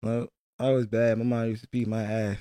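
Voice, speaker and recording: A young man in casual banter with friends, teasing, excitable and slangy. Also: mid-range voice, normal speed, dry recording, studio quality.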